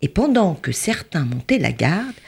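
A storyteller narrating a tale with expressive, lively delivery. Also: medium pitch, moderate pace, gravelly, husky.

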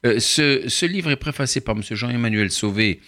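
A man hosting a radio interview, introducing his guest in a measured, ceremonious way. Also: medium pitch, animated, pushed and bright. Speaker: radio host.

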